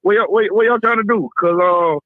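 A man calling in to pledge a donation, talking in an upbeat, repetitive, fast manner. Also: high voice, no room sound, narrow, tinny audio. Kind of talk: casual call-in chat.

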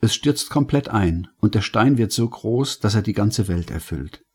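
A man's voice: on the low side, animated, moderate pace, a little mellow, husky. A man voicing an earnest young man musing. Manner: thoughtful, musing inner monologue.

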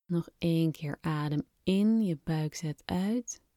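Soft, slow, soothing woman guiding breathing. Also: sits low, dry recording, studio quality. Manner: soft, soothing, unhurried instruction with long pauses. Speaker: breathing exercise guide. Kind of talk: guided relaxation exercise, scripted narration.

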